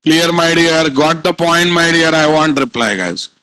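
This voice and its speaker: A man with a high voice and a Telugu Indian accent gives a live technical class. He drills each point through repetition and keeps firing questions at his students. The sound is dry and close. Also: unhurried, bright, forceful tone, dry recording. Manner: repeats points and quizzes listeners with frequent rhetorical questions. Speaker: programming instructor.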